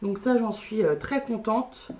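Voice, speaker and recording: A woman's voice: a little high, lively intonation, measured pace, a little mellow. A woman beauty vlogger chatting casually through a makeup haul, hesitant and full of fillers.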